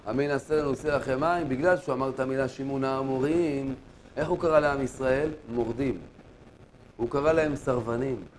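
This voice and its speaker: A man preaching as a rabbi, telling stories with lively acted-out dialogue and questions to his listeners. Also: mid-range voice, slight background noise. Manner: animated storytelling, acting out dialogue, addressing listeners directly. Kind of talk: sermon.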